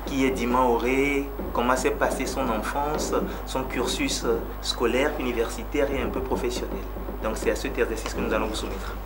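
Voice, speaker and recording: Male tv host, formal and measured, trails off soft at the ends, faint hiss. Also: mid-range voice, steady tone. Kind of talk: TV interview hosting.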